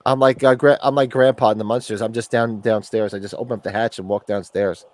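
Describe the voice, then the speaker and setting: This sniffly-voiced man in his forties, bothered by allergies, rambles through a casual chat full of profane jokes. His voice is lowish and steady, with a quick pace and a dry recording.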